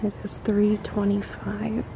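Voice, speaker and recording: A young woman vlogging casually at night, musing in a hushed, conversational way on a handheld camera. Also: medium pitch, monotone, measured pace, gravelly. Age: young adult. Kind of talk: casual night vlog of a ghost hunt. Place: inside and outside an old hotel at night. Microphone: handheld camera at arm's length. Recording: noisy handheld camera, background hum.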